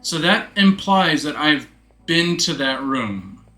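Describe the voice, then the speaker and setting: A man's voice: on the high side, very animated, slow, bright, forceful tone. A man giving a commentary on his game playthrough and reading its dialogue aloud, in a roomy-sounding recording. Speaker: let's player. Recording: roomy echo, faint music behind.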